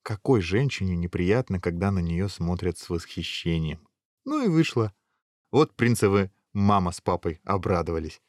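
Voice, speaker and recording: A man narrating a fairy tale in a gentle, even storytelling manner. The recording is dry and close, with no room around the voice. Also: sits low, moderate pace, no echo.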